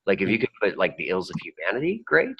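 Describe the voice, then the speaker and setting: A man with a low voice leads a casual group call over video, judging book chapter titles. His speech swings widely up and down in pitch. He sounds keen and decisive as he scores each title. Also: huge pitch swings, quick pace, gravelly, slightly rough, muffled recording. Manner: enthusiastic, scoring and pitching titles. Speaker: book coach leading a group review.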